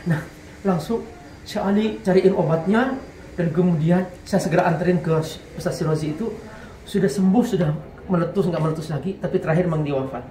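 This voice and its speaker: A man's voice: high voice, a little fast, warm tone, distant mic, a little hiss or hum. Man, guest, heartfelt storytelling, echoey room, off the mic. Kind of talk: emotional storytelling.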